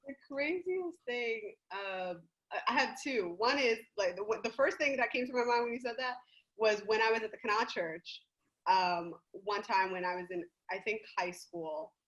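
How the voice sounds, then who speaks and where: A young woman from the United States, a guest on a casual podcast, talking in an animated, gushing way and laughing often. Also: a little high, moderate pace, muffled recording.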